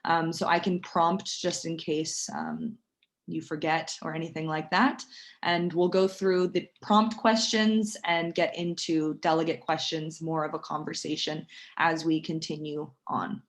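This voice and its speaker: Female panel moderator, fairly low voice, informal hosting that guides speakers through questions. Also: a little slow.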